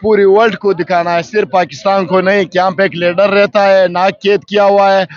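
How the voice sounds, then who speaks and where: A party worker at a rally giving a fervent, rousing political speech to a reporter. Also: male voice, sits high, level tone, no room sound. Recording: dull lo-fi field recording.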